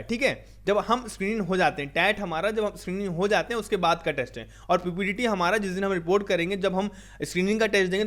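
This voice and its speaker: A man with a high, fairly bright voice, from India, coaches viewers for an exam while talking through slides in a mix of Hindi and English. He explains things step by step and closes many lines with "theek hai".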